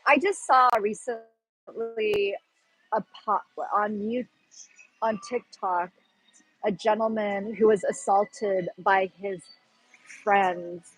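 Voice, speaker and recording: A woman with a Pacific Northwest American accent hosts a casual livestream, rambling while looking for words. She speaks slowly in a steady, husky mid-range voice, pausing often, over a rough recording.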